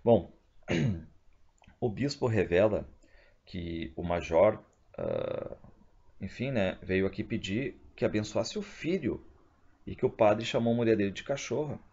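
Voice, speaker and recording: Gravelly male teacher retelling a play. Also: on the low side, slow, long pauses. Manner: reads out the characters' lines with lively voices. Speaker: literature teacher. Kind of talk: video lesson retelling a play. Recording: dull, lo-fi recording.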